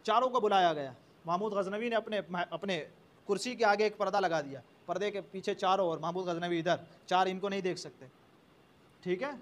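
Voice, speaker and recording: A male preacher telling a story in a sermon, animatedly speaking the characters' lines in turn. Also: sits high.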